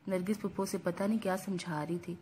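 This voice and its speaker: A woman reading a novel aloud as narrator, with a steady, even storytelling delivery. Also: mid-range voice, a little hiss or hum.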